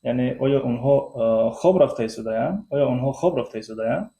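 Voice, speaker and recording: A man with a Tajik accent teaching an English lesson, reading slow English phrases and explaining them quickly with many hesitations. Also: medium pitch, creaky, warm tone, echoey room, muffled recording. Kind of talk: language lesson explaining textbook dialogue.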